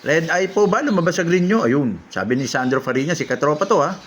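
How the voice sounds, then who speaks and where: A man's voice: on the high side, animated, fast, slight background noise. A man, a lovebird breeder on a casual livestream, reading out viewers' names and comments and reacting to them. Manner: reads out commenters' names and messages, then reacts.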